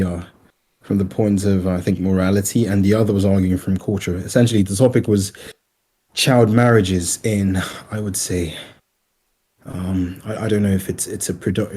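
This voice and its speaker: A man in a casual voice-chat discussion, halting and searching for words as he recounts a story. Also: deep voice, warm tone, slightly rough. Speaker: participant.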